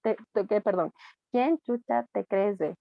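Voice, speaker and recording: A woman with an Ecuadorian accent, a student reading a text aloud in class, steady with small slips. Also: medium pitch, measured pace, creaky, no room sound, phone-quality sound. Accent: Ecuadorian Spanish.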